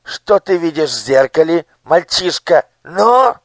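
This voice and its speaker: A man voicing a cruel, shrill male minister who screeches and spits with rage in a storybook reading. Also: very animated, a little slow, dry recording. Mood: shrieking rage. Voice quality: squeaky, piercing, screeching. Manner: shouting, spitting with rage.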